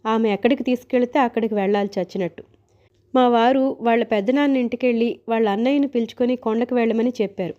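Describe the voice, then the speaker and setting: A woman narrating a story aloud, wry and chatty in her telling. Her voice sits fairly high and sounds mellow, and the recording is dull and lo-fi. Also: quick pace.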